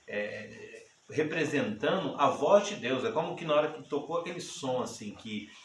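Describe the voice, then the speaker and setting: A man's voice: medium pitch, animated, normal speed. Man, pastor, sermon, repeats words, rising bursts, roomy echo, faint background hiss. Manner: preaches in rising bursts, repeats words, asks the congregation questions. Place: church hall. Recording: echoey room with faint ambient noise.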